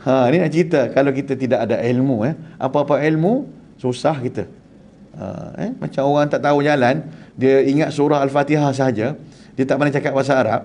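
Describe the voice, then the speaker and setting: A man with a Malaysian Malay accent giving a humorous Quran lesson, telling animated stories with teasing asides. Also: mid-range voice, brisk. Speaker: Quran teacher.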